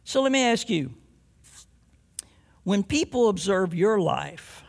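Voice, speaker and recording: A man's voice: high voice, big pitch swings, slow, gravelly. A man preaching a sermon as a pastor, mixing scripture with homely stories and rising to emphatic declarations.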